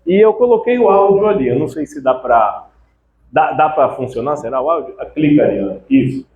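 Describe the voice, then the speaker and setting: A man talks through a lecture in a conversational, animated way, his voice sitting a little high. The room around him is echoey, with a faint hum of background noise. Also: a little fast, narrow, tinny audio. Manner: animated, conversational, frequent "né" tags. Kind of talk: informal lecture with slides.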